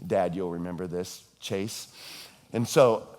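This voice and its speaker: A male pastor preaching a sermon, a playful storyteller who jokes around, animated and expressive as he swings between hushed and loud. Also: low-pitched, slow.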